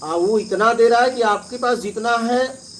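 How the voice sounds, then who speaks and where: Over a faint background hiss, a high-voiced man teaching spirituality talks a little slowly and casually. He shares parables and often checks that his audience is keeping up.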